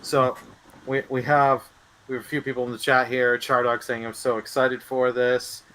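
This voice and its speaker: A bright, sharp-toned man chats excitedly on a gaming podcast. He trips over his words in little restarts as he gets going. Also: mid-range voice, moderate pace. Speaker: podcast co-host. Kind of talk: casual gaming chat.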